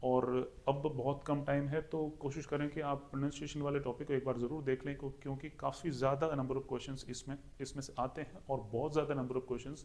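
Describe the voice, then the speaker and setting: A man's voice: medium pitch, flat delivery, fairly quick, few pauses, darkish tone. Indian man teaching English exam prep. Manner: repeats points, walks through a question step by step. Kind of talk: exam-prep lesson explaining pronunciation.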